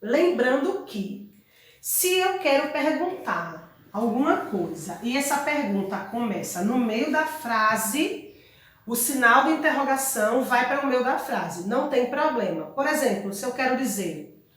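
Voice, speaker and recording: Woman, teacher explaining a lesson, fairly high voice, very echoey room. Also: expressive, a little slow, fairly bright tone. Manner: explanatory, checks in with tags like "ok?" and "tá?". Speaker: Spanish teacher. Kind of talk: online class lecture. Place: room at home.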